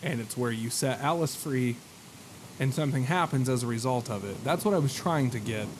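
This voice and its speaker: Talking fairly quickly in a mid-range voice, this male streamer muses aloud through a casual let's-play, rambling and teasing himself. Background noise and game music can both be heard behind him.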